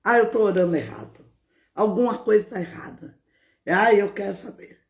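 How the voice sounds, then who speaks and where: A woman preacher giving a fervent testimony, often breaking in with words of praise and now and then shouting out. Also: medium pitch, very animated, normal speed, gravelly. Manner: bursts into shouted exclamations. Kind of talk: fervent spoken testimony on a live stream.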